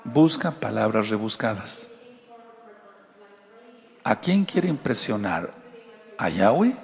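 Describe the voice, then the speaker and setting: A man's voice: fairly low pitch, very animated, slow, creaky, in a large hall. A man with a Mexican accent, giving a conversational sermon as a Torah teacher and asking his listeners rhetorical questions. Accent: Mexican Spanish.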